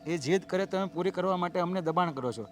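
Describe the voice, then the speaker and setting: A man's voice: high-pitched, fast, natural voice. A man playing a pleading, humble father. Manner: pleading, earnest, appeasing. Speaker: actor in a family drama.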